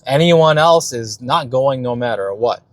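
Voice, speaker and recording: A man's voice: mid-range voice, lively intonation, unhurried, no echo. A man talking casually and off the cuff as a market commentator, in a brash, slangy, swearing crypto-bro manner. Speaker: retail investor and stock market video host.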